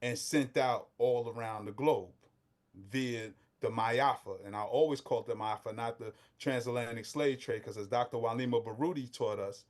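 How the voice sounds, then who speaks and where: A middle-aged man, speaking as a guest on a casual talk show. He talks with conviction in street slang, his voice often climbing high. The pitch sits in the middle of the male range. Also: moderate pace. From Brooklyn, New York. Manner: impassioned, street slang, rising to near-shouting. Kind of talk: casual podcast discussion.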